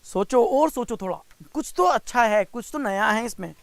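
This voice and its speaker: A young Indian man teaches reasoning for bank exams in a live online class, blending Hindi with English. He coaxes and teases students, reading out their names, and slows down to spell out each step. His voice is very high-pitched with lively intonation and vocal fry, on a dry recording.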